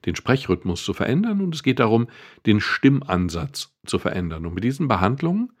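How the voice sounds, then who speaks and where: This podcast co-host speaks in a lowish, sing-song voice at a fairly quick clip. He explains things thoughtfully and at length, adding some dry humor to the casual chat.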